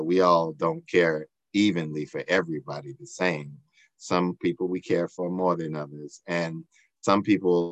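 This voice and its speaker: An older man talking slowly with many fillers, heard over a glitchy video call as an interview guest. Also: deep voice, dry recording. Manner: slow and halting, with many fillers. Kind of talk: reflective interview talk.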